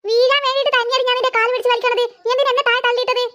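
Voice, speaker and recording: A woman's voice: extremely high pitch, flat delivery, rapid-fire, pushed and bright, lo-fi sound. A woman voicing a quarrelsome young cartoon girl who bickers with her sister. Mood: squabbling. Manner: whiny, squabbling.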